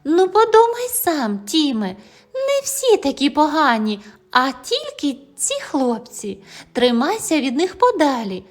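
A woman's voice: sits high, sing-song, a little slow, soft background music, pitched above the performer's own voice. A woman voicing a caring mother who speaks firmly but reassuringly, in an audio fairy tale. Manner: firm, reassuring.

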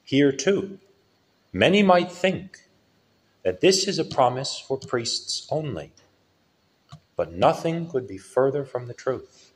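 A male priest giving a solemn sermon with a lively rise and fall in his preaching. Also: mid-range voice. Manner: slow, solemn preaching with lively rises and falls.

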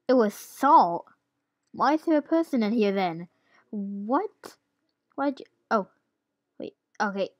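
A woman's voice: medium pitch, no echo, studio quality. Giggly woman gamer with the hiccups. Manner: giggly, hesitant, lots of ums. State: has the hiccups. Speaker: gaming YouTuber. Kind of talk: casual gameplay commentary.

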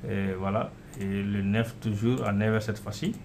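A man with a fairly low voice talks through a software demo in a relaxed, unscripted way, filling pauses as he clicks from screen to screen. A faint background hum sits under his voice. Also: vocal fry. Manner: casual, repeats "voilà" and "euh" while clicking through. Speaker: software developer demonstrating his app. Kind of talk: screen-recorded software walkthrough.

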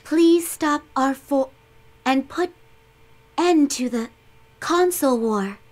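A woman voicing a gentle, formal tome spirit in a video game, polite and measured like a heavenly goddess. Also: sits high, animated. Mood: earnest pleading. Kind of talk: English video game voice acting.

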